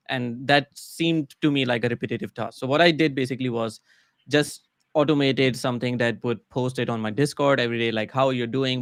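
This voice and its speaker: A man's voice: medium pitch, clean tone, dry recording, clean studio sound. A man hosting an interview, sharing his own experience and asking long, curious questions. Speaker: host. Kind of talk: conversational interview.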